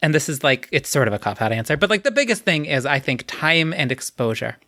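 A man co-hosting a podcast in loose, casual chat. He rambles and fills his sentences with fillers, laughing often. His voice is fairly high, with a bright, forceful edge. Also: expressive, brisk. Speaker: podcast co-host.

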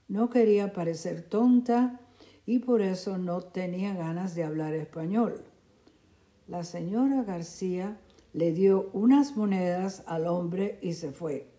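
Slow, dark-toned woman narrating. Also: fairly low pitch. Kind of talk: slow storybook narration for learners.

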